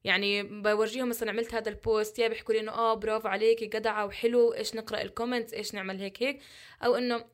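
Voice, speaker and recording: Woman, twenties, interview guest, emphatic, rhetorical questions, rapid-fire, slightly high voice. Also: little pitch movement. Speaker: guest, social media content creator. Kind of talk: candid interview talk.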